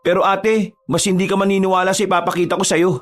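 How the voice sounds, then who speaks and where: A man voicing a panicked teenage boy, Brenda's younger brother, in an audio horror story, with a high, strained boyish voice. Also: level tone, fast, lightly acted. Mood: teasing.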